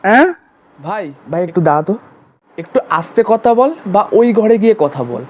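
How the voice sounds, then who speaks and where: A young woman performing a comic sketch, flipping quickly between sweet-talking and bickering characters. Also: mid-range voice, expressive, muffled recording, a little hiss or hum. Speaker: comedy sketch creator. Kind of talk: comic sketch acting several roles.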